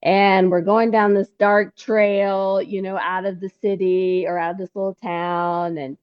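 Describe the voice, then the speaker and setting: A woman guest telling her story in a casual, animated way, acting out conversations with laughter. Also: mid-range voice, measured pace, clean tone, dry recording, muffled recording. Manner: animated, acts out dialogue with laughs. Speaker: podcast guest, pilgrim.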